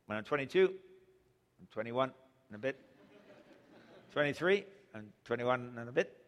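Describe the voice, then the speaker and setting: With a long hall reverb around him, an older man from England delivers a sermon through humorous storytelling and laughs at his own jokes. He speaks at normal speed in an expressive, medium-pitched voice.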